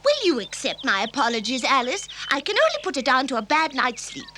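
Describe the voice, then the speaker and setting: Genteel fussy cartoon queen, high and sing-song. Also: wildly swooping pitch, brisk, bright, forceful tone, a little hiss or hum, full character voice. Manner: courteous, prim.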